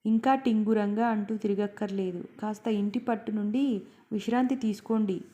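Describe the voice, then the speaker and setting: A woman voicing a sharp-tongued, anxious middle-aged wife who nags and mocks her husband in a storybook reading. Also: mid-range voice, steady tone, normal speed, close to an everyday voice. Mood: angry scolding. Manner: sarcastic, nagging.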